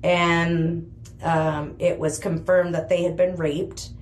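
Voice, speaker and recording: A woman co-hosting a podcast, talking in a measured way as she reads out statistics. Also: lowish voice, flat delivery. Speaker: podcast co-host. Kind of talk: casual chat.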